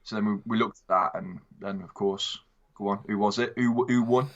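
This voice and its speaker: Male co-host for loose film banter: lowish voice, informal, digressive, slightly muffled sound. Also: fairly even intonation, normal speed. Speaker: co-host of a film review show. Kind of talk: casual film discussion.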